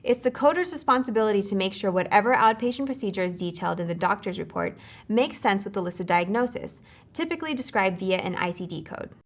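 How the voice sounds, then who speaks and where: A woman reading scripted educational narration for a course, measured and clear, slowing down to spell out acronyms. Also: medium pitch, animated.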